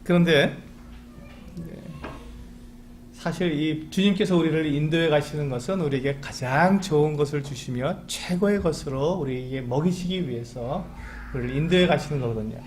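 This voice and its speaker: Conversational Korean pastor preaching. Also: male voice, a little high, moderate pace, a little hiss or hum. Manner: conversational preaching with rhetorical questions; acts out quoted pleas to God. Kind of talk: Sunday sermon. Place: church sanctuary.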